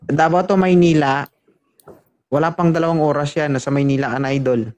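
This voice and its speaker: A man's voice: a little high, steady tone, a little fast, a little mellow. A man hosting a matchmaking show, bantering and teasing his guests. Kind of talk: casual chat.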